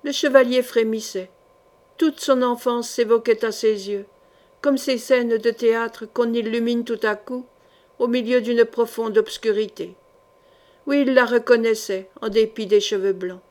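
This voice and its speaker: Brief : narratrice femme, lecture mesurée et expressive, timbre assez haut. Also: female voice, a little high, a little slow. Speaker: audiobook narrator. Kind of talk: scripted narration of a historical novel.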